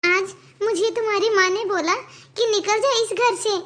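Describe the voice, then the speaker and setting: A woman voicing a scheming, bossy young daughter-in-law in a cartoon, who talks in a sharp and taunting way. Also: very high-pitched, steady tone, moderate pace. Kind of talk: cartoon voice acting.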